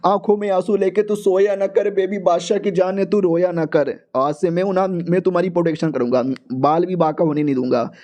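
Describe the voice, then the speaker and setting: A man voicing a cocky young male cultivator who mocks his enemies in a slow drawl. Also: high-pitched, fairly even intonation, mellow, natural voice. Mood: easygoing.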